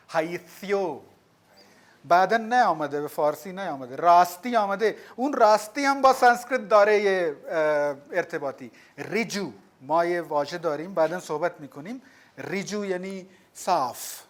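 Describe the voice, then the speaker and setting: A man teaching a language class, explaining words slowly, repeating them and putting questions to the students. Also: sits high. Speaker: Sanskrit teacher.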